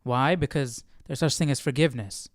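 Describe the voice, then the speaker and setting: A man with a medium-pitched voice hosts a casual Bible study livestream, speaking a little fast in clean, echo-free studio sound. He reasons aloud in a questioning manner, frequently repeating and rephrasing himself.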